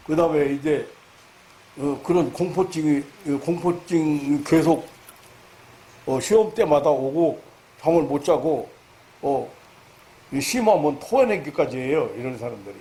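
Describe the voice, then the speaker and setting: A fairly high-pitched man preaching a lecture-style sermon as a pastor. He talks in halting bursts, then climbs loud and high when he drives a point home. A faint hiss of noise sits under the voice. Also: lively intonation. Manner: halting, many fillers and restarts.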